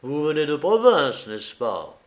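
Man voicing a gallant, teasing gentleman thief in a slow audiobook read. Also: on the high side, sing-song. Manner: gallant, playful. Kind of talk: audiobook reading.

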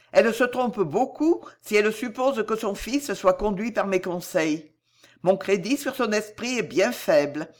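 A woman's voice: mid-range voice, natural voice. An earnest, virtuous young woman, voiced by a woman reading aloud, holding back strong feeling behind polite, restrained words. She turns inward and brooding, as in an audiobook reading.

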